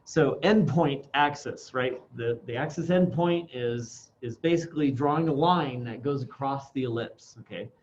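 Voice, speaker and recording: A man is teaching software to a class, his voice muffled by a face mask. He talks informally and haltingly, thinking aloud as he demonstrates. The recording is dull and lo-fi, with a faint bed of noise behind him. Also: mid-range voice. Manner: speaking through a face mask. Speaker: instructor.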